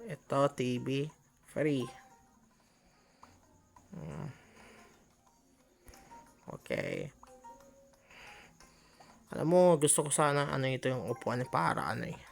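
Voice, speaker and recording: A woman's voice: rumbling low, big pitch swings, slow pace, creaky, pauses often, soft background music. A woman giving chatty gameplay commentary, often exclaiming and laughing at her own mistakes. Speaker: gaming channel host.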